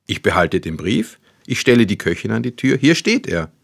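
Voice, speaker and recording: A man voicing a hot-headed, self-righteous youngest brother who talks excitedly and insistently. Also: low-pitched, unhurried, dry recording, clean studio sound. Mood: eager, accusing.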